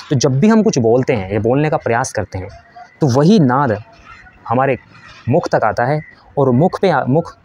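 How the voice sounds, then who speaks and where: With a medium-pitched, slightly mellow voice, a man acting as a spiritual teacher leads a patient lesson. He walks through each step, raises questions only to answer them, and shows how the chanting is done.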